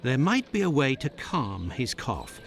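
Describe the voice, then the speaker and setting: A man's voice: medium pitch, huge pitch swings, a little slow, slight background noise. A man playing an earnest, proper Victorian doctor with a British accent in a video game. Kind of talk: video game character acting.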